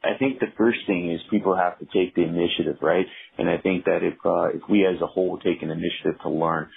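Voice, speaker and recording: Man, very deep gravelly voice, husky, earnest rambling, tinny phone-line sound. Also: steady tone, fast. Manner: earnest, rambling with frequent restarts. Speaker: head coach, interview guest. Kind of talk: casual interview talk.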